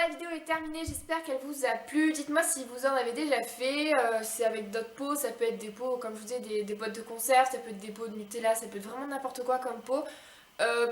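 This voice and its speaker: Woman, fairly high, rapid and chatty, echoey room, faint hiss. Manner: chatty and rambling, with fillers. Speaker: DIY craft vlogger. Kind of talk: casual outro to viewers.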